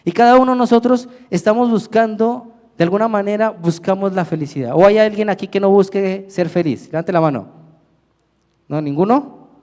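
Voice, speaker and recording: A man from Colombia, a deacon preaching a lively sermon to his congregation, asking them questions and leading their responses. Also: sits high, moderate pace. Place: large church hall with congregation. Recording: echoey church hall.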